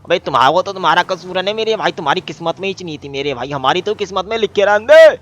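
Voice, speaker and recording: A man streaming a game role-play, loud and bossy, teasing and shouting at his friends. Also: high-pitched, lively intonation, fast.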